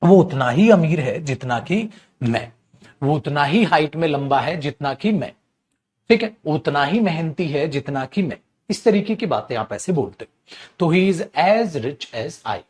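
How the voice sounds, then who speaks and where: This Hindi-accented man runs an English grammar lesson online, moving at a slow pace and answering the very questions he asks. His pitch leans high, his delivery is expressive, and the tone is somewhat dark.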